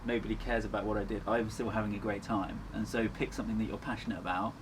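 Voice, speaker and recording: A man's lowish voice, flat and quick, carries his earnest, reflective remarks as an endurance runner guesting in a casual interview. The recording has a clearly noisy ambient background.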